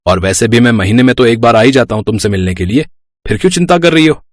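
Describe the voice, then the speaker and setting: A relaxed young husband, voiced by a man, talking in a casual, coaxing way at an ordinary mid pitch. He reassures instead of arguing. The recording is dry and close. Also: fast, no room sound, natural voice.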